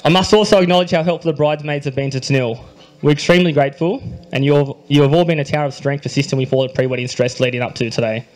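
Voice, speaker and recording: A young man with an Australian accent reads a prepared groom's speech at a wedding reception, speaking into a handheld microphone. His delivery is dry and understated, with light jokes, frequent throat-clearing and a quiet emotional undercurrent. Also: a little high, rapid-fire, low-quality recording. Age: young adult. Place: wedding reception hall, indoors.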